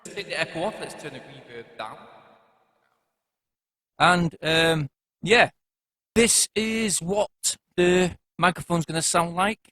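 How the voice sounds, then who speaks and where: A man's voice: a little high, takes it slowly, pauses often, pushed and bright, no room sound, clean studio sound. A man giving a chatty, jokey product review in a casual, upbeat way.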